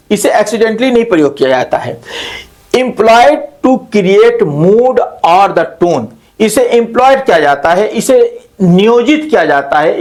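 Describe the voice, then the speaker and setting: This slow classroom lecture comes from a male literature teacher with a high-sitting voice. He walks through each term, repeats it in Hindi, and pauses and corrects himself frequently.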